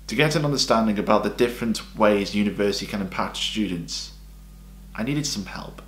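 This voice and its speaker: A man narrating his own documentary in a measured, personal and earnest voice-over. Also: on the low side, expressive, a bit bright, a little hiss or hum. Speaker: documentary maker and interviewer. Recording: voice-over with music underneath.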